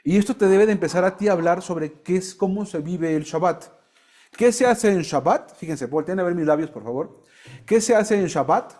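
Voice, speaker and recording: A man teaching a Bible class, explaining slowly and quizzing his students with the odd joke. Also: high voice, darkish tone.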